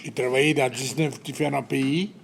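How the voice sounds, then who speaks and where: A man's voice: mid-range voice, steady tone, moderate pace, gravelly, slight background noise. An older man introducing himself in a good-humoured way. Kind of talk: personal introduction.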